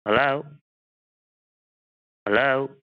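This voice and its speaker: A man's voice comes through a bad phone connection, thin and tinny with no room around it. He talks slowly and insistently, calling out politely again and again to check that he can be heard. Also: mid-range voice, smooth, dry recording. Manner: repeats polite address, slow and insistent. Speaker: phone support caller. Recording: tinny, dry phone line.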